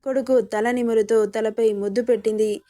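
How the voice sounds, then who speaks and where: A woman narrating a scripted moral drama story in a steady, dramatic way. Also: on the high side, normal speed, dry recording, studio quality.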